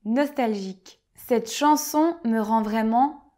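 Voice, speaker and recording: A woman teaching French vocabulary slowly and clearly, reading each word and then a short example sentence. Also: on the high side, mellow.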